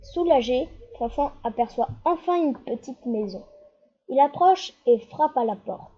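A woman narrating a children's storybook with a gentle, expressive reading. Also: sits high, unhurried, husky. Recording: slightly dull lo-fi.

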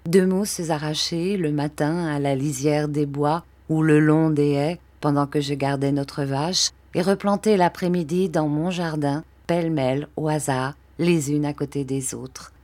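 Slow, low-voiced woman reading a story. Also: steady tone, a little mellow. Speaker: narrator.

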